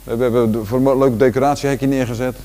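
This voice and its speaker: A man's voice: mid-range voice, fast. Chatty Rotterdam man touring his gym. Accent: Rotterdam Dutch. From Netherlands. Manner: chatty, relaxed, lots of fillers and restarts. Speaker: gym owner giving a tour. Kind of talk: casual walking tour. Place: large indoor gym. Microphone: handheld camera following him.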